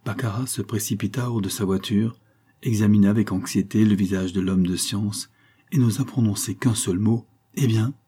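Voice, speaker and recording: A man narrating a novel with a low, dark and husky voice. He keeps a steady, even storytelling pace throughout the reading. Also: normal speed. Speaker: audiobook narrator. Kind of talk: scripted narration.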